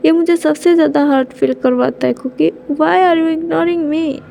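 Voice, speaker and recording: A woman's voice: high-pitched, fairly even intonation, a little slow, vocal fry, warm tone, a little hiss or hum. A woman voicing a jealous, tearful young husband who pleads with hurt reproach. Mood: hurt pleading.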